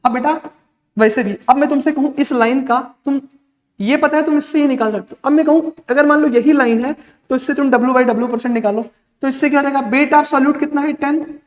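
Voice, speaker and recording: A man's voice: extremely high pitch, brisk. A male chemistry teacher giving an exam-prep lecture. He asks questions and answers them himself, calls the students "beta", and mixes English terms into his talk. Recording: long reverb, echoey room.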